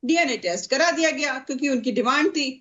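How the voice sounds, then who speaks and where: A woman party spokesperson pressing her case in a televised debate, her voice high and bright. She argues hard, stacking rhetorical questions and repeating one phrase after another. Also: lively intonation, a little fast, dull audio. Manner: forceful, rhetorical, lists repeated examples.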